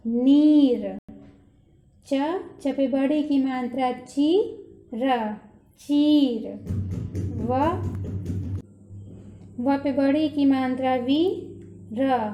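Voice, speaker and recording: Slow, patient woman teaching children. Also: sits high, warm tone, roomy sound, slight background noise. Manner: patient, spelling out syllables and drawing out words. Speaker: preschool Hindi teacher.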